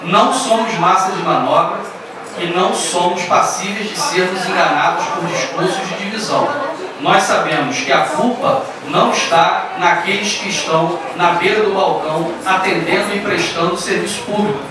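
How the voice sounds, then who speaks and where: Forceful high-voiced man speaking at a podium. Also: normal speed, far from the mic, a loud crowd. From Brazil. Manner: forceful, emphatic oratory with raised passages. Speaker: city councillor. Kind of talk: political speech in a council chamber. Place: large council chamber with seated audience. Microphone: podium microphone on a stand. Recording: echoey hall, voice heard from afar.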